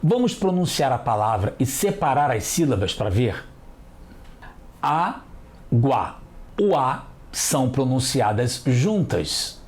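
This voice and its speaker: A teacher leads a children's TV lesson at an unhurried pace. Each sound is spelled out with care, and the pitch rises and falls with a lot of lively movement. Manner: slow, careful, spells out sounds.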